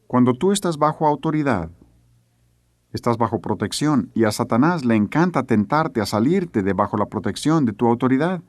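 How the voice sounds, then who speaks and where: A man's voice: medium pitch, expressive, moderate pace, darkish tone, dry recording, clean studio sound. A middle-aged man teaching a sermon, telling a family story earnestly and acting out the voices he quotes. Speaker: preacher.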